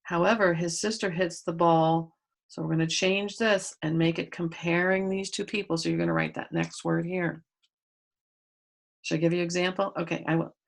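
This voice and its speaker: Low, gravelly-voiced woman teaching. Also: fairly even intonation, moderate pace. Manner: patient, explains step by step, spells out letters. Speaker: grade school teacher. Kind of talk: remote grammar lesson.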